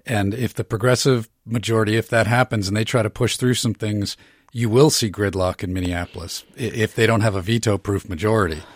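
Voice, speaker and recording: A man's voice: fairly low pitch, steady tone, brisk, no room sound. Direct man on a radio panel. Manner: direct, explanatory. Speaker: panel guest.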